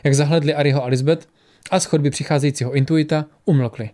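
A man narrating a fantasy audiobook in a steady, even storytelling manner. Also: a little high. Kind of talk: scripted narration.

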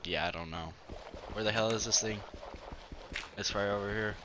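Hosting his own gaming channel, a man gives casual, excitable gameplay commentary full of profanity and trash talk, punctuated by sudden yelps. His voice is on the low side and brisk, with noise in the background.

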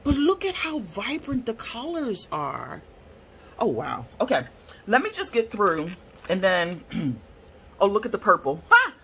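A woman reviewing art supplies in a casual swatch video, gushing and excitable, gasping and squealing over the colors. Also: mid-range voice, slow, long pauses, slight background noise. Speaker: product reviewer.

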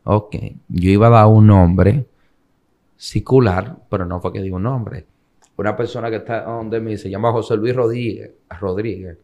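Low-voiced young Dominican man. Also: normal speed, lo-fi sound. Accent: Dominican, Cibao region. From Dominican Republic. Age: young adult. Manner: animated retelling, acting out the voices of others in quotes. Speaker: interview guest. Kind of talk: casual storytelling in an interview.

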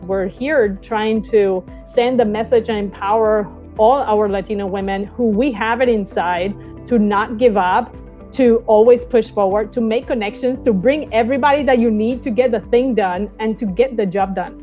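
A woman's voice: a little high, moderate pace, mellow, dull audio, soft background music. A woman in her thirties from Colombia, speaking English with a Colombian Spanish accent and Spanish as her first language, explaining eagerly as a space mission flight director on a video call through earbuds. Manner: eager, explanatory, tags lines with "right?". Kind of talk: recorded video interview. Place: small indoor room, seated in an armchair. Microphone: wired earbud mic on a video call.

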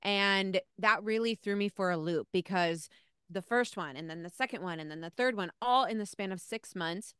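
A woman in her thirties telling a personal story as an interview guest, earnest and animated, on a close mic over a video call. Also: mid-range voice, normal speed, clear, resonant tone, no room sound. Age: 30s. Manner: earnest, animated hand gestures. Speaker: guest, spiritual teacher and author. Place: home room, video call. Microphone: handheld-style mic on stand, close.

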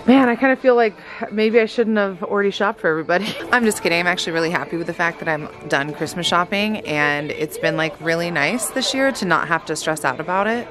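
A woman's voice: on the low side, fast talker, over music. A middle-aged woman filming a casual family shopping vlog, chatty and rambling with lots of ums, speaking into a handheld camera in a car and then in a store. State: out of breath after running in. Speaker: vlogger mother.

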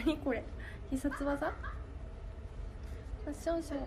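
A woman's voice: high voice, a little slow. A young woman with a Kansai accent hosting a casual idol livestream, often breaking into laughing fits. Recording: noisy livestream audio.

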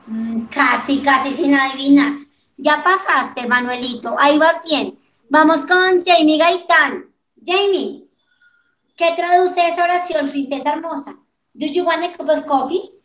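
A woman teaching an English class, patient and affectionate, repeating prompts slowly for her students. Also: high voice, a bit bright. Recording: echoey, muffled.

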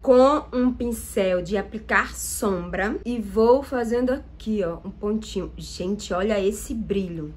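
A woman's voice: mid-range voice, slow pace, hardly any pauses, a little mellow. A Brazilian woman doing a makeup tutorial, talking to viewers in an enthusiastic, chatty way as she tests the products. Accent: Brazilian Portuguese. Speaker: makeup vlogger.

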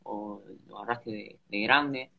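A man's voice: lowish voice, unhurried, vocal fry. Young man, interviewer, hesitant with fillers, slightly muffled video-call sound. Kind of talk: casual interview questions. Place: home room, indoors.

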